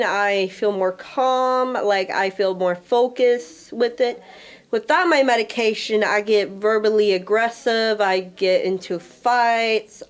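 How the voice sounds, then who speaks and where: Candid young woman with a smooth voice. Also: medium pitch. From Russia. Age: 20s. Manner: candid, chatty, frequent "like" fillers. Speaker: storyteller. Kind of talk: personal spoken storytelling.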